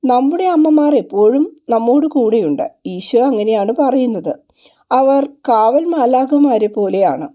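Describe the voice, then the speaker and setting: A woman reader does a gentle young shepherd boy who talks with earnest, childlike sincerity. The voice sits fairly high and mellow. The recording sounds dull and lo-fi. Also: expressive, unhurried. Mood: comforting.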